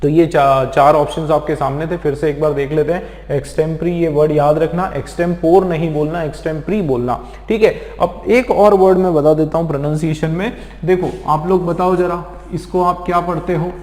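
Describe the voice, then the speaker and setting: An Indian vocabulary teacher delivers an exam-prep lecture, explaining slowly and repetitively with many check-ins on his students. His somewhat high male voice is steady and darkish in tone. The echoey room leaves a long reverb tail.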